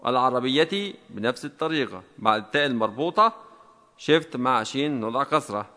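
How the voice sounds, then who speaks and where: A man teaching a typing lesson step by step, slow and deliberate, repeating each key combination. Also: medium pitch, expressive, pushed and bright, long reverb tail.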